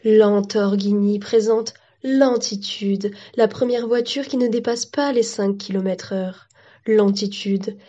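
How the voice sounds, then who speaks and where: A woman voicing an ad announcer who speaks very slowly, drawing out each phrase, on a dull lo-fi recording. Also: medium pitch, steady tone, mellow, lightly acted. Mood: smooth. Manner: very slow, drawn-out. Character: slow, soothing ad announcer.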